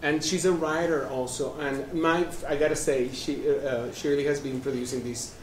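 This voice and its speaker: Heard from a distance in a roomy museum event space, with faint noise on the live stream, a man opens a panel discussion by introducing guests. His voice is a little high and steady at a moderate pace, though his chatty delivery rambles and restarts a lot.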